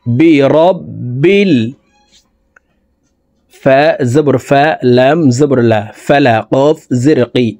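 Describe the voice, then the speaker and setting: A man's voice: medium pitch, mellow, no echo. Man teaching Quran recitation. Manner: slow drawn-out melodic recitation alternating with brisk explanation. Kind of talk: spelling out and reciting Quran verses for learners.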